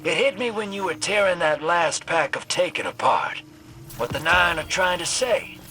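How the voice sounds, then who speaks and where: An actor playing a sly, cynical rogue drifter in a video game, teasing with folksy slang and a drawl. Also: male voice, sits high, lively intonation, normal speed, bright, forceful tone. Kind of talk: video game character acting. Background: music behind the voice.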